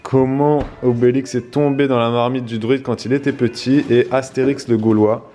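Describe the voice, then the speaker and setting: A man from La Réunion talks with a Réunion Creole accent as he unboxes a parcel for his vlog. He rambles casually and keeps dropping little fillers between thoughts. His voice sits at an ordinary middle pitch. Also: steady tone, normal speed, dark tone, faint music behind. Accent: Réunion Creole French. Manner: rambling, full of fillers like "voilà" and "hein". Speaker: vlog host.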